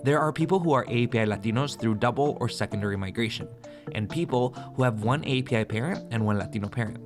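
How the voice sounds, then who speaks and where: A man's voice: mid-range voice, quick pace, over music. Man narrating a scripted explainer. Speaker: host and video journalist.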